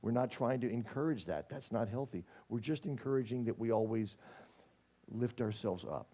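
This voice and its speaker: A man's voice: mid-range voice, normal speed, warm tone. A man giving a casual sermon as a spiritual community minister, folksy and conversational with plenty of jokes.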